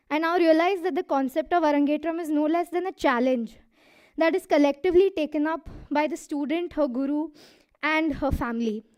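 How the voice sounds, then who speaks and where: A woman's voice: high voice, a little mellow. A young woman in her twenties with an Indian English accent giving a prepared thank-you speech on a hall stage, out of breath and earnest. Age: 20s. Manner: earnest, laughs between lines.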